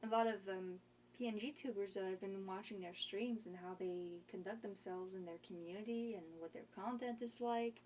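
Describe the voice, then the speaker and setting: A woman's voice: medium pitch, fairly even intonation, moderate pace, a little mellow, slight background noise. A young woman streamer in casual chat, rambling and hesitant with lots of fillers.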